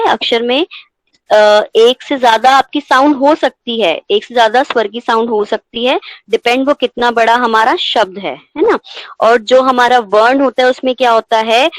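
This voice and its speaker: A woman's voice: on the high side, poor audio. A woman teaching a Hindi grammar class online, explaining step by step and asking her students questions, slipping English words into her speech.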